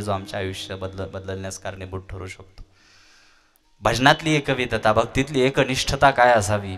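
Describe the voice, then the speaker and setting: A man preaches a devotional kirtan sermon, telling stories and asking the crowd rhetorical questions. His tone is bright and ringing, and he breaks into sing-song chanting. Faint instrumental music plays behind him. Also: lowish voice.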